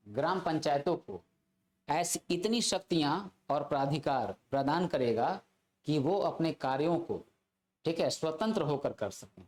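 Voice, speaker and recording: A man's voice: a little high, a little mellow. A male teacher giving a classroom lecture to exam students, repeating key phrases and checking in with his listeners again and again. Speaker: polity teacher.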